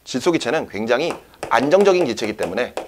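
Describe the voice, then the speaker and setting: Lively male science teacher lecturing. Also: medium pitch, quick pace. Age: young adult. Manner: lively, checks often with students. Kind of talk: classroom lecture.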